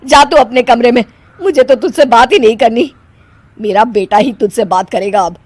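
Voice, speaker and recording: A woman's voice: high voice, normal speed, no room sound, voice pushed up. A woman doing a stern scolding mother-in-law. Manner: scolding, loud.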